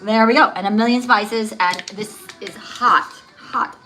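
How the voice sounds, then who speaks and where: A bright-voiced woman hosts a casual cooking livestream, sounding wired on too much caffeine. She talks in an excitable, scattered way, repeating phrases to herself and her viewers. There is faint music and kitchen water noise behind her. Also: mid-range voice, a little slow, low-quality recording. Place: home kitchen.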